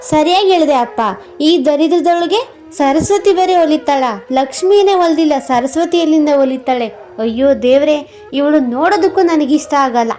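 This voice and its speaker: A woman's voice: high-pitched, moderate pace, dark tone, natural voice. A woman voicing a spiteful young elder sister in a cartoon story, mocking and sneering.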